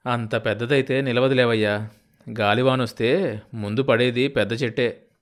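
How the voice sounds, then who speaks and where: A male narrator voicing a stubborn, blunt old village farmer in an audiobook novel, speaking gruffly and sarcastically. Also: medium pitch, steady tone, moderate pace, lightly acted.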